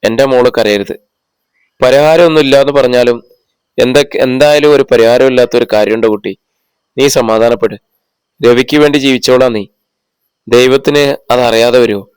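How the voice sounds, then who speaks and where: A man plays an anxious older matriarch in a storybook. She pleads and comforts in a motherly way. The voice is smooth and dry, with even pitch. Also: moderate pace, pauses often, dry recording, close to an everyday voice. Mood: soothing.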